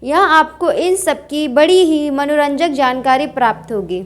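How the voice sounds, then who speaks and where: A woman's voice: high-pitched, a little slow. A woman teaching a pronunciation lesson, reading rules aloud and drilling word lists. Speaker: English teacher. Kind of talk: slow classroom-style pronunciation lesson.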